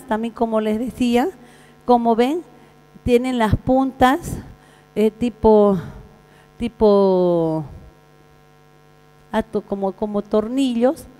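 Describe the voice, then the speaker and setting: A woman's voice: fairly high pitch, mellow. Bolivian woman lecturing in a reverberant hall. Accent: Bolivian Spanish. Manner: halting, frequent fillers and restarts. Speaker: veterinary surgeon lecturer. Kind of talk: conference lecture. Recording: reverberant hall with mains hum.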